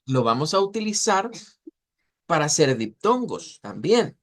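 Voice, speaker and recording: A man's voice: fairly high pitch, big pitch swings. Man teaching pronunciation, repeating words. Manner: explanatory, repeats words slowly to model sounds. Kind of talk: online class lecture.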